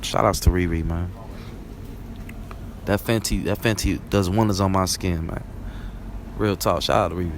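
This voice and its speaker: A man's voice: deep voice, fairly even intonation, moderate pace, pauses often, a little hiss or hum. A young man with a Barbadian accent hosting a rambling, conversational solo talk and often asking "you know what I'm saying?". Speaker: vlog host. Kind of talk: casual solo monologue.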